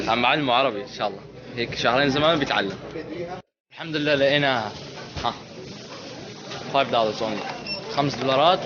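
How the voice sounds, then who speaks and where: Out in a noisy public spot with city sounds around, a teenage vlogger and interviewer with a Levantine Arabic accent chats playfully, echoing people's answers and adding his own remarks. His voice is medium in pitch, and the recording is muffled.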